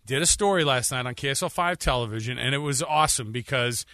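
Male radio co-host, bright and lively, rambling jokey banter, dry studio sound. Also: medium pitch, fast, no room sound. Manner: joking, rambling, restarts often.

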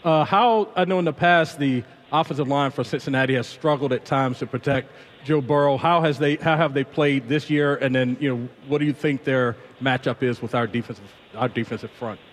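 A man co-hosting sports radio, giving a relaxed, measured breakdown of football play with many fillers. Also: medium pitch.

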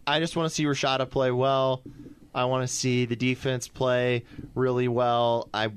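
A man's voice: medium pitch, smooth. A man with an American accent giving his views in casual sports talk. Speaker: sports podcast panelist.

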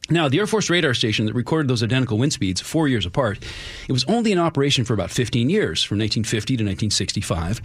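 A man's voice: medium pitch, big pitch swings, fast talker, husky, dry recording. A man, the show's resident historian, telling a local history story on a radio feature with chatty enthusiasm.

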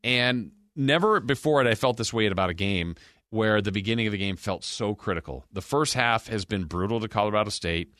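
This American man hosts a sports podcast and also broadcasts games, recapping and analyzing football in a conversational, emphatic style. His voice is lowish and a bit bright, his pace brisk, and there's no echo.

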